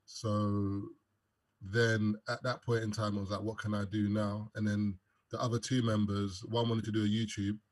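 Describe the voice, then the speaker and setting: A man's voice: lowish voice, flat delivery, moderate pace. A young man with a London accent, a podcast guest chatting casually and joking with plenty of fillers. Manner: laid-back, joking, lots of fillers. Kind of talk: casual interview chat.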